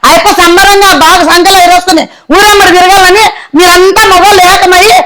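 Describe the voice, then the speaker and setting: Woman playing a fiery wife, scolds fast nonstop, super high voice. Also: level tone. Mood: scolding. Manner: rapid scolding tirade.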